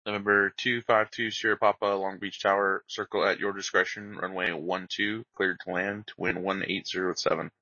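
A man's voice: sits low, little pitch movement, normal speed, hardly any pauses, bright, forceful tone, dry recording. A man giving clipped, procedural air traffic control instructions over radio in a flight simulation. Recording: dry, dull band-limited radio audio.

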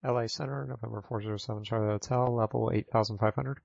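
A man's voice: on the low side, steady tone, quick pace, creaky, a little mellow, no room sound. A man making pilot radio calls through a cockpit headset. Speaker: private pilot on air traffic radio. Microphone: pilot headset over radio. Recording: muffled aviation radio with clicking.

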